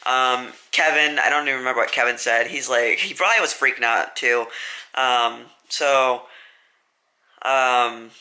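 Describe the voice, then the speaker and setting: Young guy, casual storytime vlogger, bright voice, rambly and self-correcting. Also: medium pitch, fairly even intonation, measured pace. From US Midwest.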